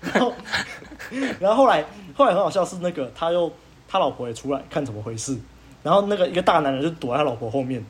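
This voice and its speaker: A young man, hosting a podcast and telling a story in casual chat, animated and laughing as he goes. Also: fairly high pitch, fast talker. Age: young adult. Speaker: podcast host.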